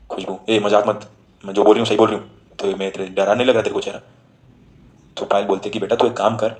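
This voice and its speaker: A man's voice: lowish voice, low-quality recording. A man casually narrating a horror story, mixing in English words and playing the characters' lines himself. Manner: chatty, mixes Hindi with English words, plays the characters' lines.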